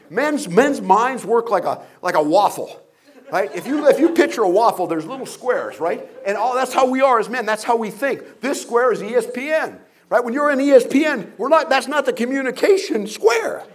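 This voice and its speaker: A man's voice: very high-pitched, animated, a little fast. An older man speaking as a guest at a motivational event, telling humorous stories, asking the audience questions and acting out voices. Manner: humorous storytelling with jokes and acted-out voices; asks the audience rhetorical questions.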